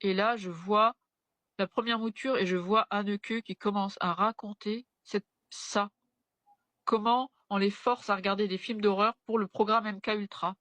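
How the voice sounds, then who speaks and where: A woman speaks as an interview guest, telling her story in a halting way and voicing what others said. Her voice is bright and forward. The sound is close and dry. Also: mid-range voice, fairly even intonation, dry recording. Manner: halting, retelling with quoted dialogue. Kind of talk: personal testimony in conversation.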